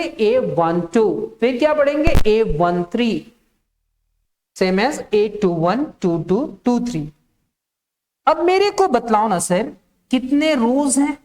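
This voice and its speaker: A woman's voice: high-pitched, a little mellow. A woman teaching a maths lesson. She dictates step by step, asks the class questions and answers them herself, and repeats the key terms.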